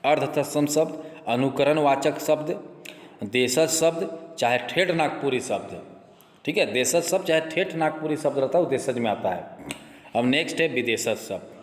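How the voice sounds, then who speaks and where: A man teaching a grammar lesson, repeating each point slowly and urging viewers to look carefully. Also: mid-range voice. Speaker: exam coaching teacher. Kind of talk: grammar lesson explaining slides. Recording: echoey room with long reverb.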